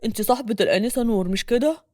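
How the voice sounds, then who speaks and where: Woman reading an unfeeling Egyptian henchman in a storybook; lowered, clipped, dry. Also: rapid-fire, darkish tone, no echo, close to an everyday voice. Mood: cold. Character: cold, menacing young man, henchman.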